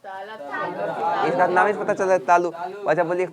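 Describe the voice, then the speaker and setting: A man teaching a grammar class, drilling students loudly and scolding them. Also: high-pitched, level tone, a little slow, a crowd in the background. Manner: loud scolding drill teacher, calls and answers.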